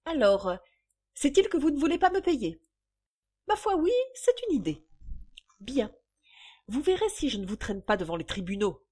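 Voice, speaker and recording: A woman's voice: sing-song, moderate pace, pauses often, a little mellow, slightly rough. A woman reading aloud, voicing a grasping, spiteful old linen-maid. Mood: threatening. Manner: shrill, nagging.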